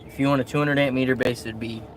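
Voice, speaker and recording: A man's voice: medium pitch, fairly even intonation, fast. A man explaining electrical parts in a matter-of-fact way, heard from some distance outdoors. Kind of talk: explaining technical details. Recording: distant voice over loud outdoor noise.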